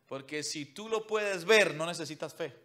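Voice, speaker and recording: Fiery preaching man, fairly high voice. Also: moderate pace. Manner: preaching with sweeping shifts between loud emphasis and near-whisper; mocks what churchgoers say in a whiny put-on voice. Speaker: pastor. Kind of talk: sermon.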